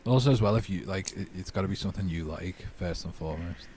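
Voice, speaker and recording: Deep-voiced easygoing man chatting. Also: quick pace, darkish tone, a little hiss or hum. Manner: easygoing, agreeable, says yeah a lot. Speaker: podcast co-host. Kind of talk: casual chat.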